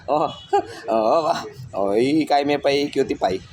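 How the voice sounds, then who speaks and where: A man's voice: mid-range voice, animated, a little slow, a little mellow, a little hiss or hum. A man filming a challenge video, coaxing playfully and laughing often in casual off-camera talk.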